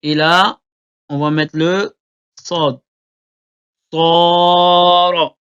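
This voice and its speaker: Male teacher, very slow, drawn-out words, repeats each word, dull lo-fi sound. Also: on the high side, a bit bright. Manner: repeats words slowly for learners to copy. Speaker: Arabic teacher. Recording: dull lo-fi recording.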